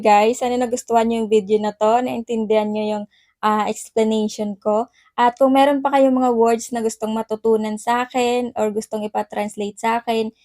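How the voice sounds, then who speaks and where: A woman hosting a casual language lesson vlog, laughing often and repeating words slowly. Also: on the high side, mellow, no echo, clean studio sound. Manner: cheerful, laughs often, slow repetition of words. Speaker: vlogger teaching Ilonggo phrases.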